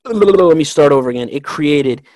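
A man co-hosting a casual podcast, rambling excitedly about comic villains with frequent restarts. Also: a little high, normal speed, dry recording, rough recording. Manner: rambling, excitable fan talk with many restarts. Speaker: podcast co-host. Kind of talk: casual chat.

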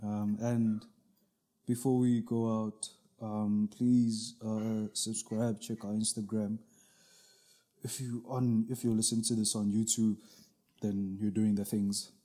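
A man's voice: lowish voice, flat delivery, slow, mellow. A South African man co-hosting a podcast, chatting casually and rambling with restarts. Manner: rambling, restarts with filler words. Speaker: podcast co-host.

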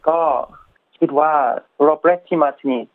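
A man with an English-speaking foreigner's accent, answering interview questions politely in halting, broken learner's Thai with English words mixed in. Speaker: interview guest, YouTuber. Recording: thin narrowband phone or radio line.

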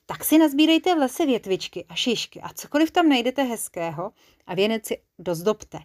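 A woman voicing a kindly old female linden tree in a children's storybook, explaining things gently and patiently. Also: a little high, lively intonation, voice pushed up, lightly acted. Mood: encouraging. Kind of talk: storybook character voice.

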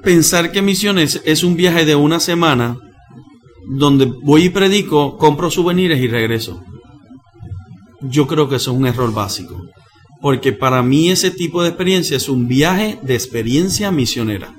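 A man, a missionary pastor who tells his story in a lively, dramatic way and slows down for the lines he quotes. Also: on the high side. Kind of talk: animated personal storytelling.

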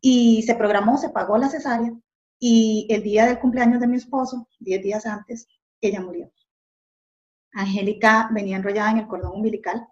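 A woman's voice: mid-range voice, steady tone, normal speed. A middle-aged woman telling her story earnestly, often ending phrases with a tag question. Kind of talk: personal testimony. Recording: dull lo-fi sound.

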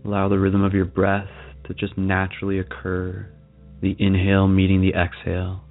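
Soft deep-voiced man guiding meditation. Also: narrow, tinny audio. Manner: soft, calming, slow with long pauses. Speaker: meditation guide, show host. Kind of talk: guided meditation. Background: music.

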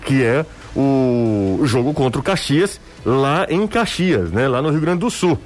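A man's voice: mid-range voice, lively intonation, unhurried. A man hosting a conversational sports radio show, his speech slightly impeded as if by a sore, swollen tongue. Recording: music bed behind the voice. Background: music.

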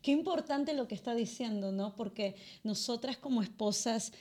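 A woman hosts a faith talk show with a high-pitched voice. She affirms her guest and reflects back on what the guest has said. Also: moderate pace, darkish tone.

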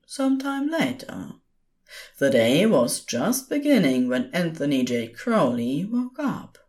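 In a deep voice, a female storyteller narrates scripted audio fiction with expressive, measured delivery.

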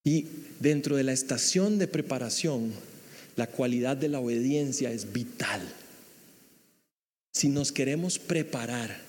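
A male pastor preaching a sermon, lively and conversational, putting questions to the audience. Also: mid-range voice, measured pace, long pauses, in a large hall.

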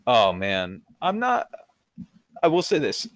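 A man's voice: medium pitch, wildly swooping pitch, no room sound. A man in a casual podcast chat who agrees readily and chimes in often. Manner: agreeable, quick to chime in with "yeah".

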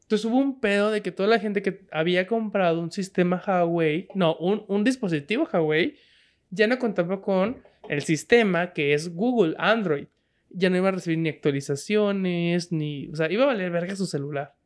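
Mexican woman co-host, slangy and jokey, explains news with laughs, slightly low voice. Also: normal speed. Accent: Mexican, Guadalajara area. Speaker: podcast co-host. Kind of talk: casual comedic news chat.

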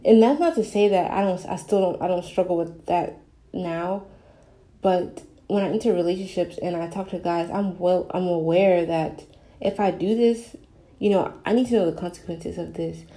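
A young woman speaks in a warm, lowish voice as she records her podcast from a small bathroom, settled in the tub. The echo surrounds her casual, earnest ramble as she confesses her thoughts.

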